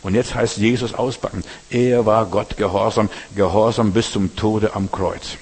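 A man's voice: on the low side, steady tone, moderate pace, a little mellow, breathy edge, big-room sound. A man preaching a sermon, addressing listeners directly with frequent asides asking if they understand.

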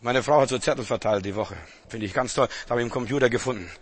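A middle-aged male preacher delivering a sermon, emphatic and repetitive, swinging between loud proclamations and quiet, intense passages. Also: medium pitch, quick pace, husky.

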